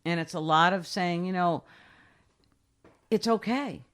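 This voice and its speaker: A woman in her sixties, a guest in a relaxed, casual interview, speaks emphatically and directly, hammering her points home with short repeated phrases. Her voice is fairly low and a little slow.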